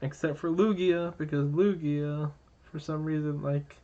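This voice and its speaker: A man's voice: a little high, steady tone, a little slow, mellow. A man co-hosting a live game stream who rambles through trivia explanations, full of uh and um. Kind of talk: casual chat and trivia explaining. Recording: dull lo-fi mic.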